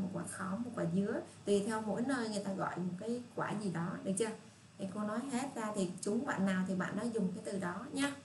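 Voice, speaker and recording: A woman with a Southern Vietnamese accent teaching children English, patient and repetitive, reading English phrases out slowly. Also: medium pitch. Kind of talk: casual spoken lesson for children. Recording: echoey room with faint hiss.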